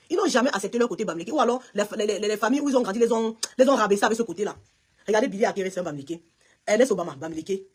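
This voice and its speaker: Woman, Cameroonian French accent, husky voice, very fast talker, emphatic live-stream chat, addresses viewers by name. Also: a little high. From Cameroon, West region.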